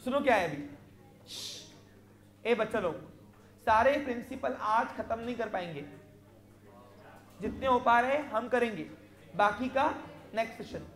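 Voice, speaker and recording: A commerce teacher lecturing a class, asking questions and answering them, and slowly dictating definitions. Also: mid-range voice, expressive, fairly bright tone, roomy sound. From Maharashtra, India. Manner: quizzes students, answers own questions.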